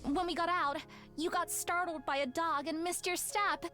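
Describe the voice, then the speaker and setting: An actress voicing a tender, devoted girl, gentle and earnest, in a video game. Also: extremely high pitch, steady tone, normal speed, faint music behind. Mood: relieved, tender. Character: tender, devoted girl, caring childhood friend.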